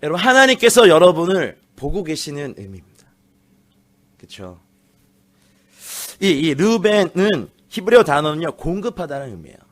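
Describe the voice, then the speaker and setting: Brief: male guest pastor, animated comic storyteller, slightly high voice, lively church sermon. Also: normal speed, pauses often. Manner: animated, laughing storyteller, acts out teen voices. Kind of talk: lively sermon with acted quotes. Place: church sanctuary.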